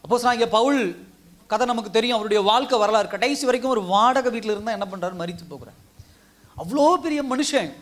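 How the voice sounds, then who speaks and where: High-pitched male pastor, exhorting sermon delivery with repeated phrases. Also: brisk. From India. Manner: exhorting, repetitive preaching cadence. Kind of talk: Tamil sermon.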